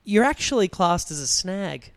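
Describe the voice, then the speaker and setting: Male co-host, rambling, self-mocking, higher voice, dead-dry mic. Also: sing-song, moderate pace, gravelly, smooth, dry recording. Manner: rambling, self-deprecating, many restarts. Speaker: podcast co-host. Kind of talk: casual chat.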